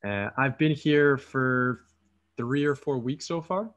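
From an apartment room, a podcast host in his thirties from Philadelphia interviews a guest casually over video call on a headset. He speaks slowly but eagerly in long runs with some fillers, in a mid-range, slightly bright voice over dull-sounding audio.

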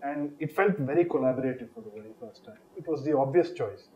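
A man, a film director giving a lively interview answer and mixing in Telugu phrases. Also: mid-range voice, rapid-fire, muffled recording.

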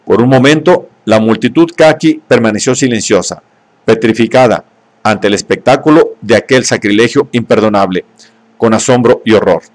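A man's voice: on the low side, normal speed. Man reading an audiobook steadily. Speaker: audiobook reader. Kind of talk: audiobook narration.

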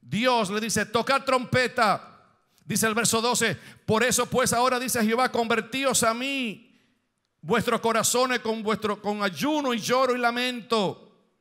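A man's voice: extremely high pitch, measured pace, sharp tone. A man preaching a sermon as pastor, reading scripture aloud and explaining it, with rising questions and phrases that lift into song.

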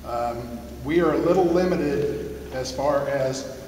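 A middle-aged American man giving a plain-spoken workshop talk, relaxed, with lots of "uh" fillers, recorded from a distant camera in a large gym. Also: mid-range voice, takes it slowly, a little hiss or hum. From United States. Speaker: conservation agency staff speaker. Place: large gym-like hall with wooden floor, indoors. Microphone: far camera. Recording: very echoey hall, voice from far off.

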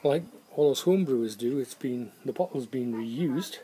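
This English man in his fifties speaks at medium pitch and a moderate pace, his tone dark. He's a homebrew vlogger filming himself in a sunny garden with the camera held at arm's length, casually reviewing beer and cider and musing aloud with ums.

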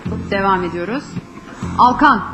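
A woman hosting a reality show's nomination round, brisk and businesslike. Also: mid-range voice, expressive, highs cut off, music in the background. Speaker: reality show host.

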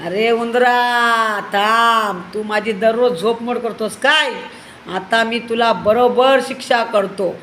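A woman voicing a big stern male lion, king of the jungle, speaking slowly and threateningly in a storybook tale. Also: fairly high pitch, steady tone, fairly bright tone, echoey room, slight background noise.

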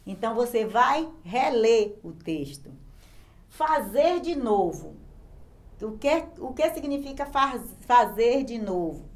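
Slow, patient Brazilian woman teacher. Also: a little high, very animated. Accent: Brazilian Portuguese. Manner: slow, patient, syllable-by-syllable explaining. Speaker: primary school teacher. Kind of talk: remote classroom lesson.

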